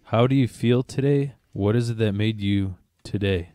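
A man's voice: lowish voice, normal speed, dark tone, no echo, studio quality. A man hosting a podcast, asking friendly questions with frequent stumbles, at a table in a small room on a desk mic. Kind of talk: casual interview chat. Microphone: desk mic on a boom.

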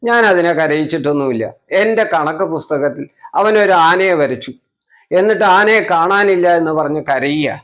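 A man's voice: a little high, expressive, normal speed, fairly bright tone. A man voicing a serious older schoolboy brother who questions his sibling with suspicion. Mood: questioning.

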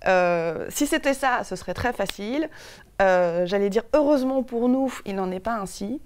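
A woman's voice: medium pitch, expressive, moderate pace, a little mellow. A young woman from France, a guest in a TV studio interview, speaking thoughtfully with many hesitations and restarts on a lapel mic. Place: TV studio set.

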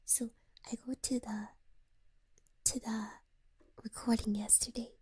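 Breathy, whispering woman streamer, very close. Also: fairly high pitch, little pitch movement, a little slow, dark tone, no echo. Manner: giggly, rambling, playful. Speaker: livestream host. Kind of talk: whispered ASMR casual chat. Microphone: close binaural ASMR microphone.

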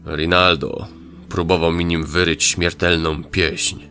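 Fierce barbarian warrior king for a fantasy audio drama, deep and growling; male narrator voicing. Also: flat delivery, slow pace, pushed and bright, faint music behind, heavily acted. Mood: wounded. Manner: growling, booming.

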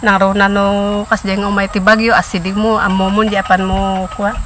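A woman's voice: mid-range voice, level tone, normal speed, fairly bright tone, slight background noise. A middle-aged woman farmer from the Philippines, talking plainly in an outdoor documentary interview about her crops. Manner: plain, listing crops steadily. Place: outdoors by a rural pond.

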